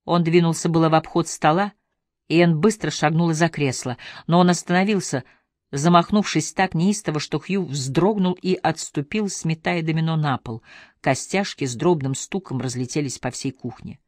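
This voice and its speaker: An audiobook reader telling a novel in a steady, even voice of middle pitch. The sound is dry and close, with no room around it. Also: moderate pace, no echo. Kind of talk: scripted narration of a novel.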